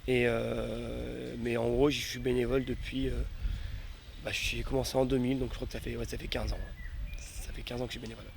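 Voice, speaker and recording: A man's voice: medium pitch, flat delivery, fairly quick, gravelly, slight background noise. A man in his twenties, a festival volunteer, answering interview questions with hesitant fillers. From France. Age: 20s.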